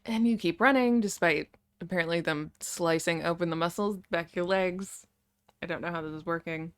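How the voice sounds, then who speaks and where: A woman's voice: fairly low pitch, normal speed, clean tone. A young woman YouTuber reading a story aloud, with wry, sarcastic asides.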